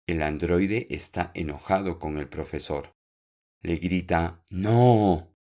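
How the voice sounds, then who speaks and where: Slow, low-voiced man teaching Spanish. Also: steady tone, darkish tone. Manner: slow, clear, repeats words for learners; encouraging. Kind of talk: podcast language lesson.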